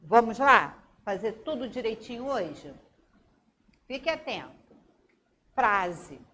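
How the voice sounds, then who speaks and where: A Brazilian woman teacher talks to young pupils in a slightly high, very animated voice. She takes her time, drawing out words and acting out example sentences with big rises and falls. A faint background hiss sits under the recording. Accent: Brazilian Portuguese. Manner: expressive and sing-song, reading examples aloud with dramatic intonation. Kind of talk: recorded online class for young children.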